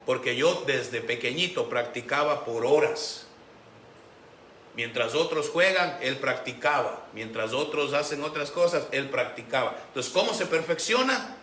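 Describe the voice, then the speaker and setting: Bright-voiced preaching pastor, echoey church. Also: male voice, mid-range voice, a little slow. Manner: animated preaching, acts out quoted voices. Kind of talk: sermon. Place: church sanctuary. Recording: echoey church room with faint background noise.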